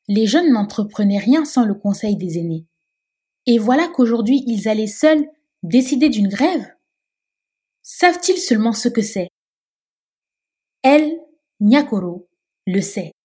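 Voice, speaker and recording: A woman with a husky voice, narrating a novel in a measured, expressive way. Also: a little high.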